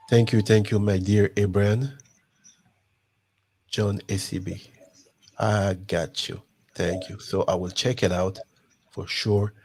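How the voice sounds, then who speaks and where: Fairly low and darkish, with a breathy edge, the voice comes from a Guadeloupean man running a live online show. His chat is relaxed and eager, full of repetition as he encourages the audience.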